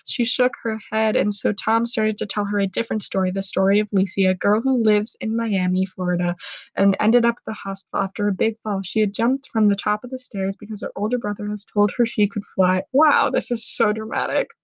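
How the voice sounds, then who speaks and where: A woman's voice: medium pitch, fairly even intonation, brisk, no room sound, rough recording. A young woman reading her own book aloud, telling it dramatically and stopping now and then to comment on it with amusement. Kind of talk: casual reading aloud with asides.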